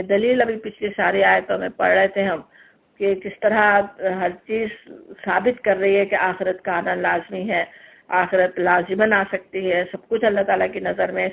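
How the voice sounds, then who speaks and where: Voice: medium pitch, gravelly. A Quran teacher giving a commentary lesson, explaining the verses word by word with emphasis. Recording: tinny phone-like recording.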